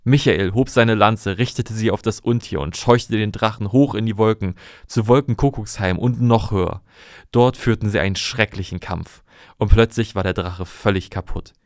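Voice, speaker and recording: A man calmly reading a fairy tale aloud in an even storytelling manner. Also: lowish voice, normal speed, no echo, studio quality.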